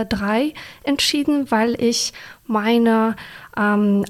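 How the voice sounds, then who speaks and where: A young exchange student from Ukraine, speaking. Her voice sits somewhat high, and she talks slowly, searching for words with frequent pauses. She restarts phrases as she answers each question. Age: young adult. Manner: hesitant, many fillers and restarts. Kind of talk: interview answers.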